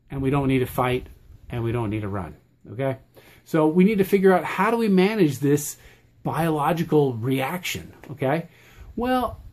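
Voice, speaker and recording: A man with a somewhat high voice talks viewers through anger management in a casual, instructional way. He is blunt and plain-spoken and keeps checking in with a quick "okay?" after his points. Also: darkish tone. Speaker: presenter teaching anger management and quizzing viewers.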